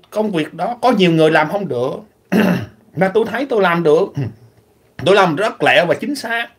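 A man from Vietnam, talking animatedly in a casual opinionated vlog, clearing his throat often. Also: on the high side, a bit bright. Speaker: vlogger.

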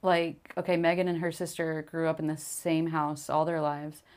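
A woman's voice: sits low, moderate pace, clear, resonant tone. Giggly woman in her late thirties. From New Jersey. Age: 30s. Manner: giggly, animated, storytelling. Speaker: podcast co-host. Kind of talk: casual chat.

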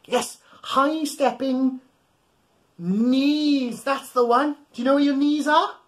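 Very high-voiced and speaking slowly, a man in his thirties runs an interactive picture-book read-aloud as a children's storytime host. He's playful and over-the-top, encouraging the young listeners he talks to directly while animatedly acting along. The setting is a small indoor room at home.

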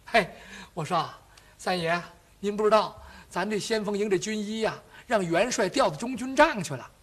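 A man voicing a young servant who fusses and gossips in quick, colloquial speech, in a traditional storytelling performance. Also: sits high, fairly bright tone. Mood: fussing chatty. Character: chatty young male servant, fussing, gossipy.

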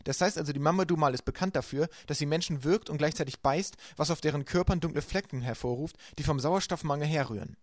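A man voicing a calm, bookish young teenage boy who explains things gently in an audiobook. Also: a little high, fast talker, hardly any pauses, no room sound, studio quality, pitched above the performer's own voice, natural voice.

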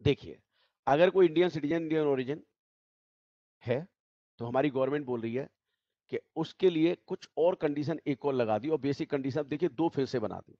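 A man's voice: fairly high pitch, moderate pace, warm tone, no room sound, highs cut off. A male teacher giving an online tax class, explaining step by step and repeating the key points. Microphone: video call.

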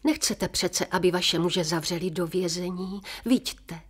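A woman reading a children's story aloud, voicing a stern, kindly old woman who speaks briskly and firmly. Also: on the low side, breathy edge. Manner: brisk and firm.

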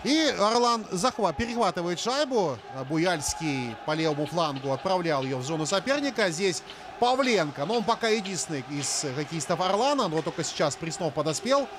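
A man with a rather high voice commentates live on a hockey match. Clear ice-rink noise runs behind his speech. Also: big pitch swings, a little fast, hardly any pauses. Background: noisy ice rink ambience.

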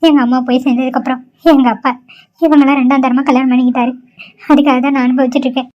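Woman voicing a sorrowful young cartoon woman, high voice, dull lo-fi sound. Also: level tone, very fast, natural voice. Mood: sad. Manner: sorrowful, despairing. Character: sad young woman mistreated at home. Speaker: cartoon character.

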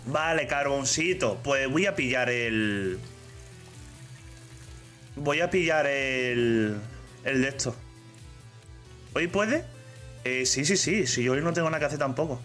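Animated Spanish man streaming casually. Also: medium pitch, slow pace, pauses often, soft background music. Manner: chatty, repeats "tío" often, reads chat aloud. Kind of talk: casual live-stream chat.

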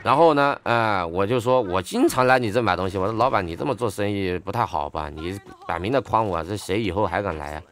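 A man's voice: on the low side, brisk, hardly any pauses, a bit bright. A man gaming online and telling an angry story in a heated, indignant ranting manner. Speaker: game streamer. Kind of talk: ranting story over gameplay.

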